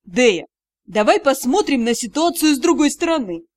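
A woman's voice: sits high, sing-song, moderate pace, darkish tone, no room sound. A woman voicing a sneering male mage. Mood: coaxing. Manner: sarcastic, drawling. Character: mocking aristocratic male mage, sarcastic, teasing.

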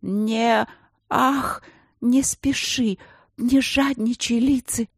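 A woman voicing a proud, ironic aristocratic lady in an audiobook, pitched higher than her narration. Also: fairly even intonation, extremely slow, slightly rough, no room sound, studio quality, heavily acted. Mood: breathless.

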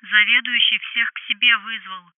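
A woman's voice: a little high, fairly even intonation, normal speed, dry recording. A woman reading an audiobook, voicing a guilty young female coworker who apologizes hurriedly and falters, heard through a telephone filter. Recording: tinny phone-line sound.

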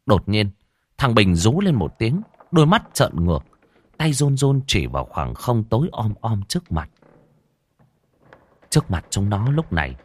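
A man narrating a horror story in a dramatic, expressive way. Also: on the low side.

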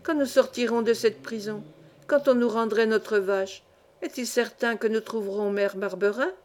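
A woman's voice: fairly high pitch, fairly even intonation, normal speed, a little mellow, lightly acted. Tearful frightened boy, read by a woman. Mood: tearful, despairing. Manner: tearful, self-reproaching. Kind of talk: storybook dialogue reading.

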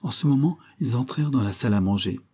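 A man reading a nineteenth-century short story aloud in a measured, even narration. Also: mid-range voice, slightly rough. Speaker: audiobook reader. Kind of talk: literary narration.

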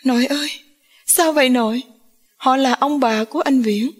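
A woman voicing a distraught young woman who speaks through tears. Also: moderate pace. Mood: tearful. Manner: tearful and high.

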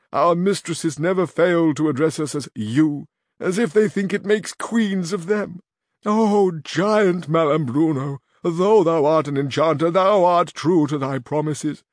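A man's voice: on the high side, unhurried, no room sound, studio quality, close to an everyday voice. A man reading aloud and voicing a distressed noblewoman with florid, lamenting speech.

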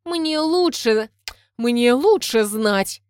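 A woman reading an audiobook, voicing a bossy, scornful female servant who speaks slowly and emphatically. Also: sits high, sing-song, no room sound, studio quality, pitched above the performer's own voice. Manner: commanding, slow and emphatic.

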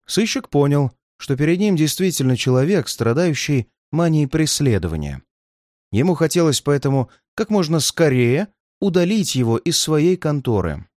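A man narrating a detective story as an expressive audiobook reading. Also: on the high side, moderate pace, no echo, clean studio sound.

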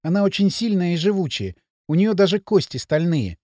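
A man's voice: sits high, lively intonation, brisk, darkish tone, dry recording, clean studio sound. A man reading an audiobook speaks the lines of a frightened teenage girl in a lightly acted voice. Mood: worried.

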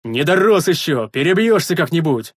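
A man voicing a burly, loud male warrior in an audiobook, bellowing and gruff, with a husky voice. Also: a little high, lively intonation, moderate pace, no room sound, clean studio sound. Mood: scolding. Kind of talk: audiobook character voice.

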